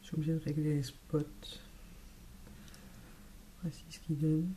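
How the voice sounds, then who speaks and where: A woman's voice: low-pitched, little pitch movement, unhurried, dark tone, a little hiss or hum. A woman vlogger chatting casually about the makeup she bought, half-whispering some words. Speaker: beauty vlogger. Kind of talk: casual makeup haul chat. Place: home room with lights.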